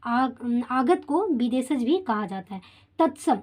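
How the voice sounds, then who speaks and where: Woman teacher, lesson to schoolchildren; high, soft-toned voice, checks in with the class as she explains. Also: very animated, slow. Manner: addresses children directly, checks in with tag questions. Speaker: Hindi teacher.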